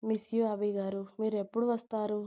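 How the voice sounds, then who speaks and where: A sweet, pouting young college girl in a storybook reading, voiced by a woman narrator. Her voice is warm and mellow. She speaks in a flat, even tone. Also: medium pitch, fairly quick, close to an everyday voice. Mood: tearful.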